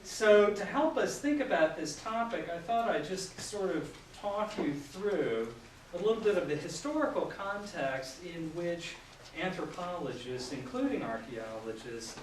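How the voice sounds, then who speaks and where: A man's voice: high-pitched, animated, measured pace. Man in his 60s lecturing in an echoey hall. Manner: chatty and self-deprecating, with many fillers. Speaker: professor giving a public lecture. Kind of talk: informal public lecture. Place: large lecture room with an audience. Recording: echoey hall, mic at a distance, audience noise.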